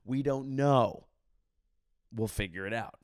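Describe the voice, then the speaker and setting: A man's voice: mid-range voice, slow pace, clean tone, no echo, studio quality. A drunk man vlogging in a rambling, earnest monologue, swearing freely as he goes. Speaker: content creator, vlogger. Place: hotel room.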